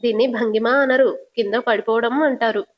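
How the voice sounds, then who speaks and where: A sarcastic young husband throws out teasing jabs at his family, as a woman puts him on. His voice sits a little high. The delivery is quick and mocking, like a retold soap scene. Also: fairly even intonation, lightly acted.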